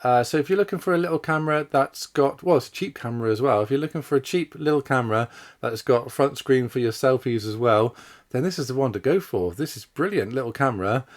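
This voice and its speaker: A man's voice: medium pitch, animated, fast talker. A man giving casual, chatty vlog commentary as he tests and reviews a camera. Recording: wind and vehicle noise behind.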